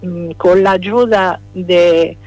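Slow, hesitant Italian woman. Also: on the low side, fairly even intonation, a little mellow, no room sound. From Italy, Rome. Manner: hesitant, searching for words with many fillers. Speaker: playwright and poet guest. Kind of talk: radio interview.

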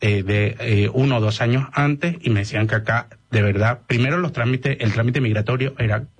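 Speaking with a medium pitch and a breathy edge, this man in his 30s is a doctor with a Venezuelan accent. He's a radio interview guest, measured in delivery and hesitating often.

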